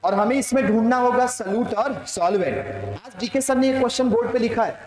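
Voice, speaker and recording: A man with an Indian accent teaching a chemistry class, slowly dictating notes and quizzing students with questions he answers himself. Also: extremely high pitch, crowd noise. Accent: Indian, Maharashtra. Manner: addresses students as "beta", asks and answers his own questions; slow dictation of English phrases mixed with quick Hindi explanation. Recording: very echoey classroom.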